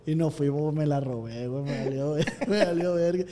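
A man tells slangy stories on a casual podcast, slipping into the voices of the people he describes. His voice sits a little high for a man. The room carries a long, ringing reverb. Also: normal speed, dark tone. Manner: slangy storyteller, acts out voices in anecdotes. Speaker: podcast host.

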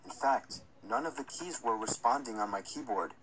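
A man's voice: mid-range voice, animated, moderate pace, crowd noise, poor audio. A man reading a scripted first-person horror story as its narrator. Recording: music under the narration. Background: music.

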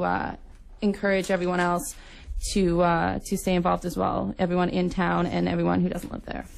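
On the low side and marked by vocal fry, this young adult woman's voice carries a Canadian accent from Nova Scotia. In a radio studio, she's a guest on a relaxed interview, an incoming student union executive giving earnest answers.

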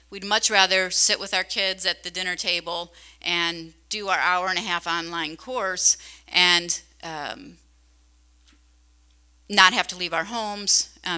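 A woman's voice: fairly low pitch, bright, forceful tone, smooth. A middle-aged woman giving a conversational conference keynote into a handheld microphone in a large hall, often asking the audience questions. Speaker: keynote speaker.

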